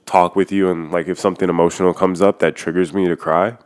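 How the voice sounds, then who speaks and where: Casual podcast guy, very deep voice, rambling and open, swears freely. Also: flat delivery, fast, darkish tone. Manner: loose and candid, heavy use of "like", swears freely. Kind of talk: casual personal chat.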